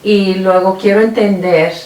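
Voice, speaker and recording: A woman co-hosting a podcast, sharing a personal faith testimony and otherwise backing her co-host with steady "ujú". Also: medium pitch, measured pace, distant mic. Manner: soft listener, answers with steady "ujú". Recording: echoey room, a bit off mic.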